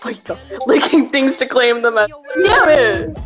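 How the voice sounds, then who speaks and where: A woman's voice: high voice, big pitch swings, a little slow. A young woman joking and laughing a lot while chatting with friends over a game. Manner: giggly, boastful joking. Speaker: player. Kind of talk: casual group voice chat. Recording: music playing behind.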